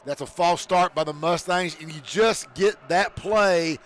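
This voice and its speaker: A man calling high school football play-by-play, shouting on big plays. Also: unhurried. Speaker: play-by-play announcer.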